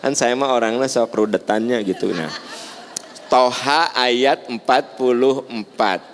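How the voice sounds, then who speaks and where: A man's voice: medium pitch, measured pace. A man with a Sundanese accent giving a religious lecture, acting out family scenes with playful humor. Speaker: preacher.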